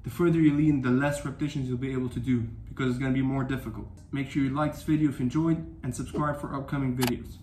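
This young coach in his twenties gives casual home workout instructions quickly, with few pauses, in a steady, mellow mid-range voice. Upbeat and direct, he often asks "okay?" and "all right?", recorded from the floor of an echoey tiled room with faint ambience and slight background noise.

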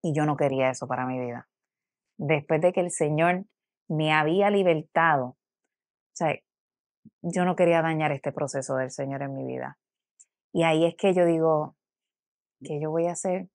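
A woman's voice: sits low, normal speed, pauses often, darkish tone, no room sound, clean studio sound. A woman giving an earnest personal religious testimony, acting out her own past words as she tells the story. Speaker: church testimony speaker.

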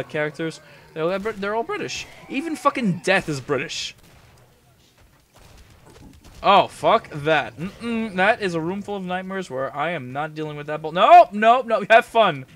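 A young man with a high, expressive, slightly bright voice talks at a moderate pace while commentating a shooter game from a small room at home. He rambles, swears, and chats with his viewers over a desk mic in a casual let's-play style.

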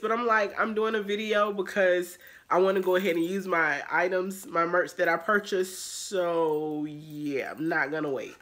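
Woman vlogger, congested and nasal, chatty and filler-heavy, bright tone. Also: lowish voice. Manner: rambling, filler-heavy talk. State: congested with allergies. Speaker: haul vlogger. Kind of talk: casual chatty vlog.

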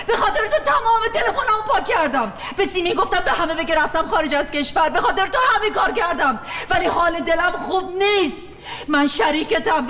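An actress playing a defiant wife and actress who argues fiercely and emotionally. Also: female voice, very high voice, bright, forceful tone, roomy sound, full character voice.

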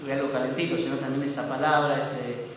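A man in his forties with an Argentine Spanish accent, a permanent deacon giving an earnest, halting testimony to the camera. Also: mid-range voice, level tone. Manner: earnest, halting with many fillers. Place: small indoor room with yellow walls. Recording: echoey room with long reverb, faint noise.

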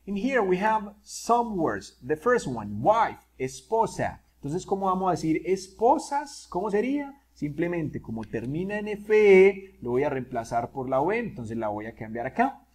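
Lively Spanish-speaking male English teacher. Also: sits high, unhurried, few pauses. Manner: lively, asks students questions, mixes in English examples. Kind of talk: classroom-style video lesson.

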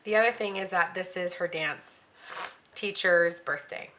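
A middle-aged woman casually talking through her weekly plans, thinking aloud with frequent ums and quick self-corrections. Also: fairly low pitch, a bit bright, a little hiss or hum. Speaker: planner vlogger. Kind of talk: casual planning walkthrough.

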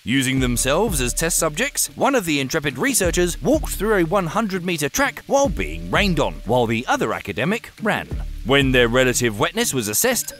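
A man's voice: on the high side, a bit bright. A middle-aged man narrating a science explainer in a wry, conversational, scripted way.

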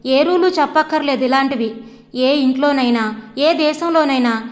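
A woman's voice: high-pitched, normal speed, long reverb tail, close to an everyday voice. A woman reading the part of a stern young husband who scolds his wife in curt, bossy lines in a storybook reading. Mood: scolding.

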